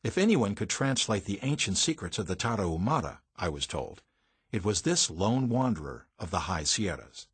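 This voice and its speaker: Guy reading an audiobook, dramatic storyteller, pitch all over the place, dry close sound. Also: fairly bright tone, husky, no echo. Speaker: audiobook narrator. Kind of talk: first-person audiobook narration.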